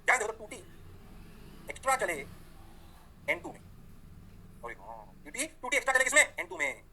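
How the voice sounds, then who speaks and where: Speaking at normal speed in an extremely high, gravelly voice with a breathy edge, a man teaches physics energetically. In this lively classroom lecture he asks questions, supplies the answers, and voices what students say back.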